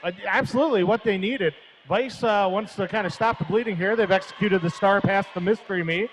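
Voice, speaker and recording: A man's voice: high-pitched, a little fast, slight background noise, poor audio. A man doing live roller derby play-by-play with easygoing, jokey banter alongside his co-host.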